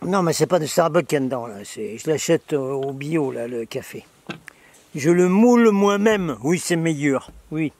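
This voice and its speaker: A man's voice: fairly high pitch, expressive, normal speed, darkish tone. A man hosting his own video in a casual, sarcastic, rambling monologue, chatting with his camera operator. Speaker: video host.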